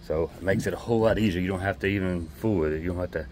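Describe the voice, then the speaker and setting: Middle-aged captain type, very deep voice, laid-back how-to talk outdoors, faint background hum. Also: male voice, rapid-fire. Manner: relaxed, plain-spoken, with fillers. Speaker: boat captain, vlog co-host. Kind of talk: casual how-to vlog. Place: outdoors on a docked boat.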